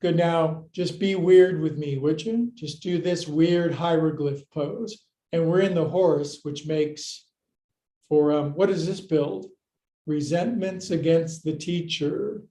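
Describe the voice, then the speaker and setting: A man's voice: fairly high pitch, steady tone, takes it slowly, dark tone. A man teaching a live yoga class, cueing moves with playful jokes and counts. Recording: echoey room.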